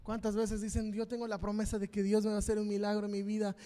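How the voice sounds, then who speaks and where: A man with a Mexican Spanish accent preaching a sermon as pastor, fervent and repetitive, swinging between loud and quiet. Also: sits high, completely flat delivery, fast, long reverb tail. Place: church hall.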